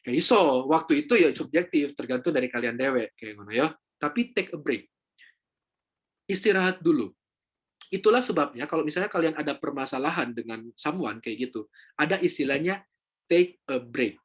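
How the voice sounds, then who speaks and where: A man's voice: on the high side, animated, normal speed, husky. A male counselor gives a casual seminar talk. He explains points in a chatty, loose way. He keeps turning to his listeners as friends.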